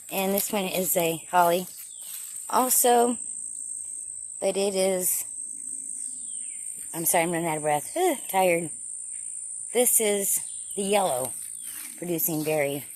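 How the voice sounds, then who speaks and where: Chatty woman working in her garden. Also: mid-range voice. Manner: chatty, thinking aloud while working. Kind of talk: casual garden vlog narration. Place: outdoors in a rural garden.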